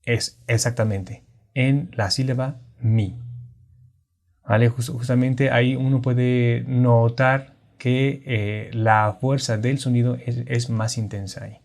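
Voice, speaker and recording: A man with a medium-pitched, steady, slightly mellow voice speaks slowly as he teaches Spanish accentuation in class. He explains things patiently, frequently starting over and checking in to make sure his listeners follow.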